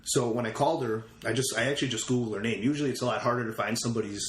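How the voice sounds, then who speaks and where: A man's voice: mid-range voice, fairly even intonation, rapid-fire. A man, a real estate investor guest, casually telling stories and retelling his conversations with quoted lines. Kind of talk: casual storytelling interview. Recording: roomy echo with faint ambient noise.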